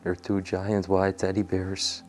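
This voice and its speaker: A young man narrating an exploration vlog in an abandoned house, curious and hushed as he handles old objects. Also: sits low, completely flat delivery, a little slow, soft background music. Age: young adult. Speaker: urban explorer.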